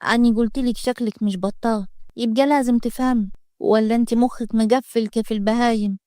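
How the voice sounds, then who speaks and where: A woman's voice: a little high, fairly even intonation, brisk, warm tone, dry recording, studio quality, natural voice. A woman voicing a spoiled, bossy little girl with an Upper Egyptian accent, haughty and whiny.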